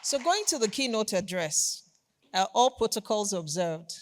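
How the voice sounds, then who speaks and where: The voice is that of a company executive with a Nigerian accent, mid-range in pitch. The delivery is a formal keynote address, full of polished corporate enthusiasm. Important phrases are stressed and often repeated for weight. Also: big pitch swings, moderate pace, slight background noise. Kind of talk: formal conference keynote speech.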